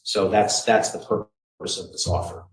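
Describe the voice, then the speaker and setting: A man, a prosecutor, questioning a witness in formal, measured tones, heard in a courtroom recording. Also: fairly low pitch, steady tone. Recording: echoey courtroom with faint noise.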